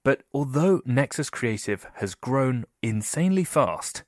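A man's voice: mid-range voice, lively intonation, measured pace, no echo, studio quality. A man hosting a podcast, introducing his guest with upbeat enthusiasm. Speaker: podcast host. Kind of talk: podcast interview.

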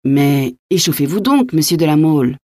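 A quick-tempered young nobleman bursts out in swearing, blustering lines, as a woman reads him. The voice sits low and dark, close and dry, like an audiobook recording. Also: big pitch swings, no echo. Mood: furious. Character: hot-tempered young male nobleman, quick to draw his sword. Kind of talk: audiobook reading.

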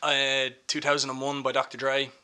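A man's voice: mid-range voice, monotone, moderate pace, pushed and bright, clear, resonant tone. A man talking casually as a panellist on a podcast. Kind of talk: casual chat.

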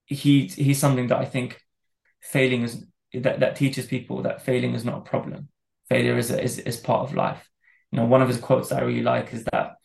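A man from Dubai talks as a podcast guest, earnest and reflective. His voice is gravelly, held at an even, flat pitch. The room around him rings with echo. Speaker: guest, managing director. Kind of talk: conversational podcast interview.

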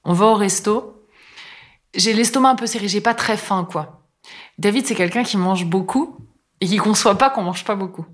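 A middle-aged woman speaks at normal speed in a mid-range voice, telling a personal story casually. She chats along with many fillers, performing snippets of dialogue as she goes.

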